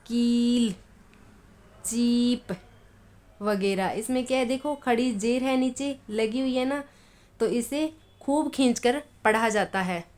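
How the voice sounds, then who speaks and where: Slow, patient woman teaching a lesson. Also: fairly high pitch, darkish tone. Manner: patient, repeats examples slowly, then explains quickly. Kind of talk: Urdu phonetics lesson.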